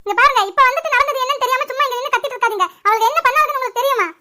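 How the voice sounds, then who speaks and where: A woman voicing a hot-tempered cartoon mother who scolds her children quickly and sharply. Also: pushed and bright, heavily acted. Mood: complaining. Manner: scolding, rapid, shrill. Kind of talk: cartoon voice acting.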